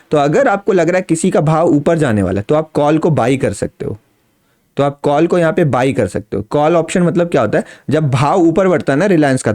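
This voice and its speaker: With a slightly high, darkish voice, a man gives an explanatory trading lesson to camera. He's patient with beginners, going over his points again and illustrating them with simple everyday examples.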